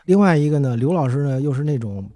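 A man's voice: medium pitch, animated, fast talker, warm tone, dry recording. A middle-aged man with a Beijing accent, telling stories casually as an interview guest in an easygoing, colloquial way that often repeats itself. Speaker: interview guest, former magazine editor. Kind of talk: casual storytelling.

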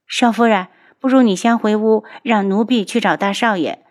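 A woman's voice: medium pitch, moderate pace, pitched above the performer's own voice, close to an everyday voice. A woman voicing a timid, deferential young maidservant who pleads anxiously with her mistress. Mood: anxious, pleading.

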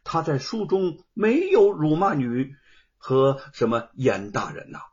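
A man voicing a magistrate who questions the parties in a flat, measured, official tone. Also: fairly high pitch. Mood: impassive. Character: flat-voiced male magistrate judging a case. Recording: dull lo-fi recording.

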